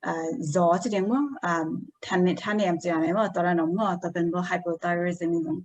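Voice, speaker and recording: A woman giving an informal health talk, explaining slowly and hesitantly, dropping in English medical terms. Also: lowish voice, fairly even intonation, dull audio.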